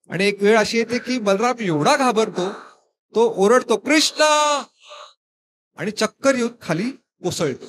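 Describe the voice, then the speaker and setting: A man with a Marathi accent giving a motivational storytelling speech at a school function, talking in an animated, dramatic way. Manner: animated, dramatic storytelling with a lot of pitch play. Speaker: motivational speaker.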